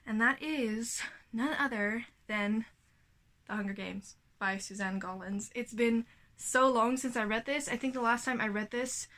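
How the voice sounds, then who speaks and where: Unhurried and fairly bright, her slightly high voice carries a casual reading vlog update from home. She's a book vlogger in her twenties whose first language is Dutch, and she gushes chattily while often fixing her own words.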